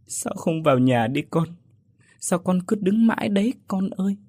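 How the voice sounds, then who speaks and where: A man's voice: high voice, expressive, moderate pace, dark tone, dry recording, pitched above the performer's own voice. A man voicing a grief-stricken older mother who wails and cries out for her son. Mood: wailing. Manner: wailing, crying out.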